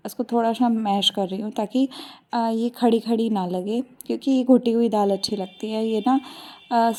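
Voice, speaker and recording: A woman's voice: on the high side, fairly even intonation, normal speed, warm tone. Chatty woman narrating a home vlog. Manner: chatty, easygoing storytelling. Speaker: vlogger and mother. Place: home kitchen.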